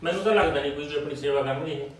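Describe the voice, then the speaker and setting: An actor playing a greedy middle-aged village uncle who grumbles through sly jokes. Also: male voice, fairly high pitch, very fast, a little hiss or hum, natural voice. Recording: echoey room, distant mic.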